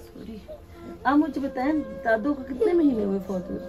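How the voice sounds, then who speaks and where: A woman hosting an emotional charity vlog, speaking gently and coaxingly as she talks to camera and to young children. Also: sits high, animated, a little fast, highs cut off. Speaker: charity vlogger. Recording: music playing underneath.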